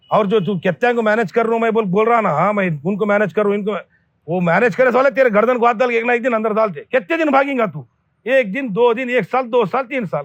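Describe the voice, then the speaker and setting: Male, high voice; blunt scolding public warning, repetitive; dull, dry recording. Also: fairly bright tone, no echo. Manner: scolding, blunt, repeats threats. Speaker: local activist addressing a company owner. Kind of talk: angry public warning statement.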